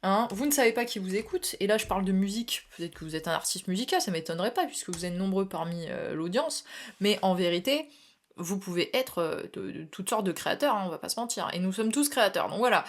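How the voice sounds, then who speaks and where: A woman's voice: medium pitch, lively intonation, fast talker. A young woman doing a casual tarot reading, talking chattily, laughing often and dropping English slang. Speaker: tarot reader.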